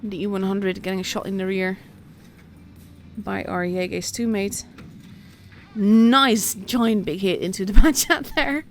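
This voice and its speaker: Hosting a stream, a woman from the Netherlands with a Dutch accent chats informally about the game, reacting to the action as it happens. Her voice is medium-pitched and a little slow, and there's slight hiss or hum in the audio.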